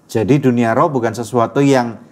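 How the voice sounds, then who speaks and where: A man interviewing a guest, encouraging him and explaining things in a gently halting way. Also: mid-range voice, fairly even intonation.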